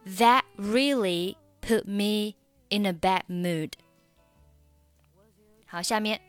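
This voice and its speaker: A woman whose first language is Chinese teaches English pronunciation at an unhurried pace. She says each linked phrase over and over as a model to copy. Her voice sounds dry and close, with faint music playing underneath. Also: medium pitch, a bit bright, no room sound. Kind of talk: explaining linking sounds in a lesson.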